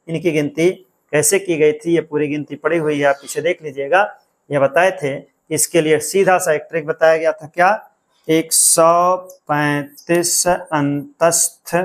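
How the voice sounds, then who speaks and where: A man teaching an exam-prep grammar lesson, explaining step by step and repeating key counts and sounds aloud. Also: a little high.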